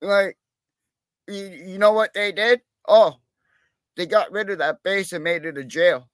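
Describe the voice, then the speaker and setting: A man with a fairly high voice rambles through a casual livestream chat, swearing freely and leaning on fillers. The sound is dry and close, with no room around it. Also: a little slow, clear, resonant tone, no room sound. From Massachusetts, USA. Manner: rambling, profane, with many fillers. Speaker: livestream guest, cop watcher.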